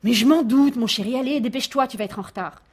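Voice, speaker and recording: A woman voicing a brisk, dismissive mother talking to her small son in a storybook reading. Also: fairly high pitch, husky.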